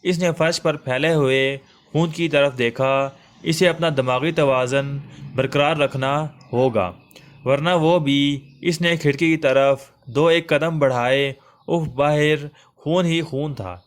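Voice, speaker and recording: A man's voice: fairly high pitch, steady tone. Man narrating a suspenseful story.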